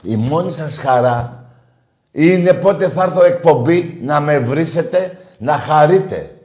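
A man hosting a call-in radio show, combative and insulting toward callers, swinging between loud outbursts and low muttering. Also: animated, reverberant. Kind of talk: heated call-in show banter.

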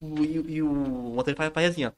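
A man chatting casually as an interview guest, halting and repeating words and phrases as he goes. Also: a little high, fairly even intonation, a little hiss or hum. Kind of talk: casual chat.

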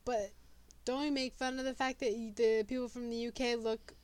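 A woman's voice: fairly high pitch, little pitch movement, moderate pace, darkish tone, smooth, no echo. A young woman co-hosting a podcast in casual chat, reading out a ranked list and trading playful, teasing banter. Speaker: podcast co-host.

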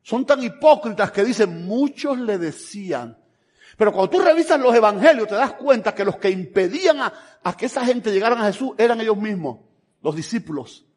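Fervent high-voiced male preacher in hall. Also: lively intonation, brisk. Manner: fervent, swinging between hushed and shouted. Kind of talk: sermon. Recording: long hall reverb.

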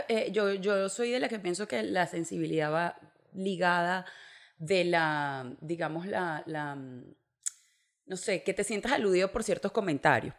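A woman with a Venezuelan accent co-hosting a podcast in casual chat, hesitant and self-mocking, often restarting her phrases. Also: fairly low pitch. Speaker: podcast co-host.

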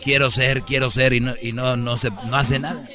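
A man doing a gruff, loud macho buddy. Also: medium pitch, level tone, moderate pace, music in the background, voice pushed down, lightly acted. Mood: mocking. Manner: blunt, loud wisecracking asides. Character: gruff macho male buddy, blunt and crude.

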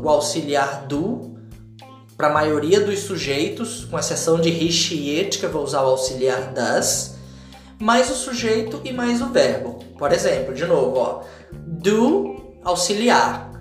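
A man talks through a casual podcast lesson in a slightly high voice, checking in with his listeners again and again and slowing down for each example. The room gives his voice a noticeable echo, and faint music plays underneath. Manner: chatty, tag questions, slow modelled examples. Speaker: English teacher.

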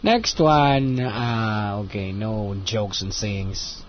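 A man's voice: lowish voice, drawn-out words. A man hosting a casual chat show, reading listener messages and laughing often. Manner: chatty, laughs often, switches into Cebuano phrases. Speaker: radio show host reading listener texts. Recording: dull lo-fi audio with faint noise.

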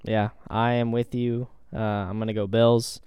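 A man's voice: on the low side, little pitch movement, a little slow, a little mellow, clean tone, no echo, studio quality. A man co-hosting a podcast, chatting casually about football with an easygoing, hedging manner full of ums and restarts. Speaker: podcast co-host. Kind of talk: casual sports chat.

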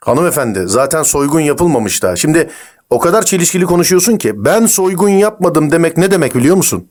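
A man posing as a crime investigator on a prank call, firing accusations at a fast clip. His voice sits a little high for a man, and he pushes hard with every question. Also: expressive. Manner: pushy, interrogating, rapid-fire.

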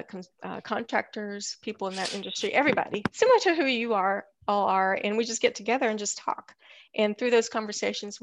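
A woman's voice: medium pitch, gravelly, no room sound. A woman speaking as a podcast guest about her career in architecture, thoughtful and full of fillers. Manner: thoughtful, many fillers and restarts. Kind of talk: casual interview conversation.

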